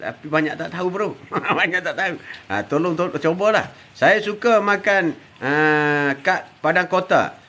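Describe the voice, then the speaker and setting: With a fairly high pitch, normal speed and a sharp tone, an older man with a Malaysian Malay accent chats casually on a live stream. As host, he reads viewer comments, calls viewers by name and teases them with laughter.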